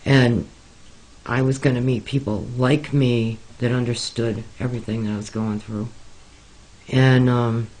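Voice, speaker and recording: A man in an interview, telling his own story slowly and haltingly. He fills the gaps with frequent ums and uhs, and speaks in an earnest, confiding way at an unhurried, dragging pace in a mid-range voice. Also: mid-range voice, little pitch movement, a little mellow, low-quality recording. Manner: hesitant, many pauses and fillers. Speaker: interviewee recounting experiences. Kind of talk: slow, halting personal account.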